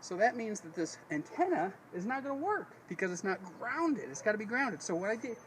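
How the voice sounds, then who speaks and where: Very animated and fairly quick, this American man's high-pitched, fairly bright voice carries a casual how-to demo for his DIY video. He rambles folksily and keeps correcting himself while standing outdoors by a vehicle, recorded with noisy on-location camera sound.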